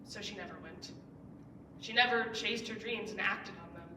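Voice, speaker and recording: In a medium-pitched voice at a moderate pace, a young woman in her late teens gives an earnest persuasive speech from a school stage, raising key words with emphatic stress. The background is noisy, and the sound is roomy and echoey, captured from a distance.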